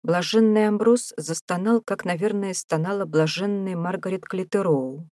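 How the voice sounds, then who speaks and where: A woman narrating a novel as an audiobook in a measured, even reading. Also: on the low side, dry recording, studio quality. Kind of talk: scripted literary narration.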